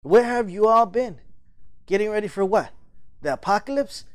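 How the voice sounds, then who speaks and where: A man's voice: sits high, animated, moderate pace. An actor playing an exasperated disaster-shelter leader scolding his late team. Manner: sarcastic, scolding.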